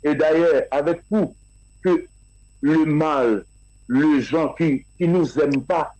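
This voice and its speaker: A man being interviewed about his music, answering in a halting way with many fillers and restarts. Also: a little high, dark tone, no echo, low-quality recording. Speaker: guest musician.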